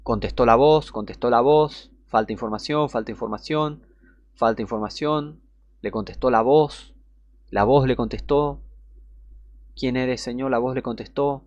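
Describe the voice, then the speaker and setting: Male Bible teacher, indignant and repetitive, dry close sound, mid pitch. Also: normal speed, darkish tone, no echo, lo-fi sound. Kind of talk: heated online Bible teaching.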